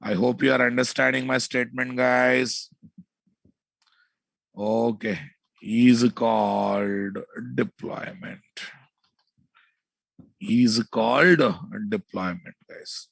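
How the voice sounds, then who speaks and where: This Indian instructor, Telugu-accented, takes his informal coding lecture slowly, with long pauses, repeating things and frequently asking whether listeners follow, plus casual asides. His mid-range voice is steady, gravelly and fairly bright, on a dry recording of poor audio quality.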